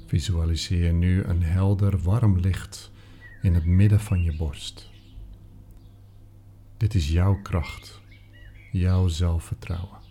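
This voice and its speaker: A man guiding a meditation, speaking softly and soothingly, sometimes dropping into a whisper. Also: sits low, slight background noise. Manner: slow, soft-spoken, soothing, with whispered phrases. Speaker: meditation guide. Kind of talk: guided meditation. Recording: soft music behind.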